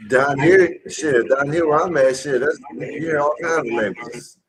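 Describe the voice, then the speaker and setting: A man's voice: fairly high pitch, measured pace, crowd noise, poor audio. A man on a live panel stream, talking bluntly and with a lot of swearing, ranting as he goes. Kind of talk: casual livestream panel chat. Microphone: home mic on a video call.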